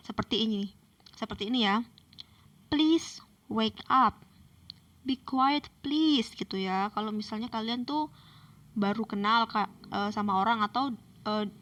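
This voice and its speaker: A woman's voice: a little high, a bit bright, recorded from a distance, lo-fi sound. A young woman teaching an English grammar lesson in a chatty way, repeating herself and checking in with her students. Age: young adult. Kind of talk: classroom lesson explaining grammar.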